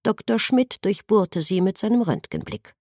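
A woman reading a novel aloud as narrator, in an expressive storytelling manner. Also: mid-range voice, normal speed, no echo, clean studio sound. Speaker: audiobook narrator. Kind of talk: scripted narration.

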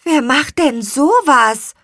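A woman's voice: high voice, sing-song, takes it slowly, fairly bright tone, breathy edge, no room sound, studio quality, voice pushed up, full character voice. A woman voicing an earnest young girl who wonders aloud in a storybook. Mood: wondering. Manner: wondering, contrite.

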